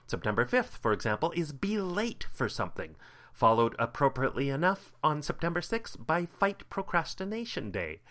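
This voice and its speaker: A man's voice: on the high side, big pitch swings, normal speed, a bit bright. A man hosting a podcast, reading a scripted monologue in an upbeat, playful way with punchy segment openers. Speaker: podcast host.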